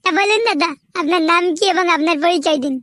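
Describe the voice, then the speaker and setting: A woman's voice: very high voice, fast talker, noisy background. A woman voicing a flustered interviewer at a shady business in a cartoon comedy, polite and stammering.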